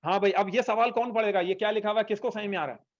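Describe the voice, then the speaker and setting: High-voiced patient male language teacher. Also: dry recording, dull audio. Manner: patient, drills by repeating phrases. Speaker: Arabic teacher. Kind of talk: online language class.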